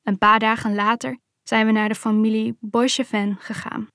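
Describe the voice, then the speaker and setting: A woman reading a first-person memoir aloud in a calm, measured way. Her voice sits a little high, and the recording is dry and close, with no room sound. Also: dry recording.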